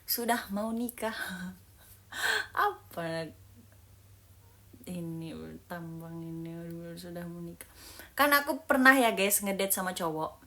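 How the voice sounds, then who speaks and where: A woman from Lampung, Indonesia, hosting a livestream and chatting casually with viewers in a playful, teasing way, often dropping to a soft whisper. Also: fairly low pitch, moderate pace. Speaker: livestream host. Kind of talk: casual livestream chat reading viewer comments.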